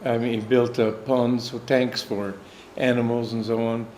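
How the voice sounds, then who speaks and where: An American swami and spiritual teacher tells a personal anecdote, wandering through the story in a meandering way. His medium-pitched voice is flat, unhurried and a little mellow, with some hiss or hum. The room is echoey, with faint ambience.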